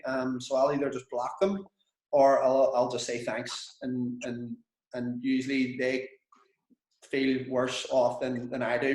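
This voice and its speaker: This coach has a Belfast accent and a fairly high-pitched voice, and he's frank, chatty, and sweary as he works with a business group in a casual session with students. The room sounds echoey and the recording is low quality.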